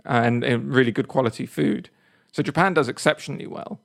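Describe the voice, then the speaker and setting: A man with an English accent talks in a relaxed, chatty way as a podcast co-host. His voice has a gravelly edge, and he sits at an ordinary middle pitch. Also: a little fast. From England. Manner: relaxed, chatty, tells anecdotes. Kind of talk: casual chat.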